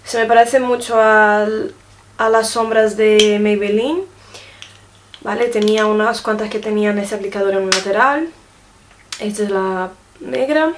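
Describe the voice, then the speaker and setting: A woman's voice: medium pitch, steady tone, a little hiss or hum. A woman casually reviewing makeup gifts, showing each item to the camera and often checking in with her viewers. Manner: chatty, often checks in with a quick question tag; shows items to the camera while talking. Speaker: beauty vlogger.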